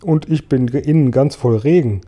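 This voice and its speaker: A man's voice: medium pitch, moderate pace, warm tone, close to an everyday voice. A man voicing a gloomy, complaining male earthworm with a mournful way of talking. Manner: mournful grumbling.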